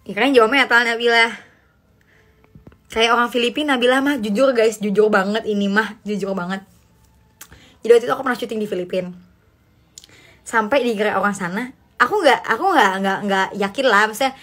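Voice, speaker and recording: Speaking at a medium pitch, this young Indonesian woman runs a casual phone livestream. She chats and reads comments aloud, lively and slangy, with some English mixed in.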